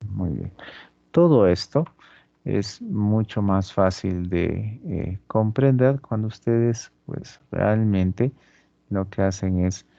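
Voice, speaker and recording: A man with a gravelly, dark voice teaches anatomy at an unhurried pace, pausing often to check that his students are following. The sound is dry and a little muffled. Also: lowish voice, lively intonation, dry recording. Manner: slow and deliberate, checks in with students constantly. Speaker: anatomy instructor. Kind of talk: lecturing during a dissection demonstration.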